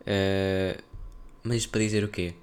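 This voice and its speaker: At a moderate pace, a young man hosts a casual solo podcast, his lowish voice clean and level with barely any melodic rise or fall. He has a European Portuguese accent and rambles through his thoughts using plenty of slang.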